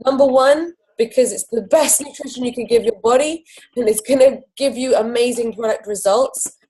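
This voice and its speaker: A woman's voice: a little high, moderate pace, warm tone, breathy edge, low-quality recording. A woman hosting a sales training video, talking enthusiastically and persuasively and acting out little exchanges with customers. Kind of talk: training talk.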